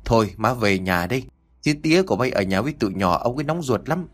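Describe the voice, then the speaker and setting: Male reader doing a fussing old mom, chatty, quick talker, storybook. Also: medium pitch, expressive, faint music behind, close to an everyday voice. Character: worried old country mother, talkative.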